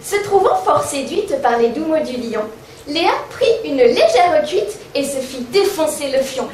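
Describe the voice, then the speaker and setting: High-voiced woman telling a rhyming comic tale. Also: animated, measured pace, heavy background noise. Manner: sing-song, mock-innocent. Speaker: comedian. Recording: echoey stage sound from far off.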